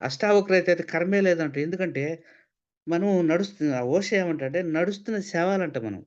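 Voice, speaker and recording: A man's voice: high voice, fairly quick, a little mellow. A man giving a spiritual talk, asking rhetorical questions and repeating points for emphasis. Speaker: spiritual speaker. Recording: slightly dull lo-fi sound.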